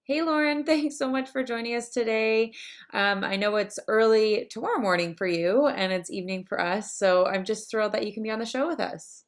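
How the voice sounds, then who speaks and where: A woman's voice: a little high, fairly quick. A woman hosting a podcast, chatty and upbeat, with frequent ums. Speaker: podcast host. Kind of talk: casual podcast chat.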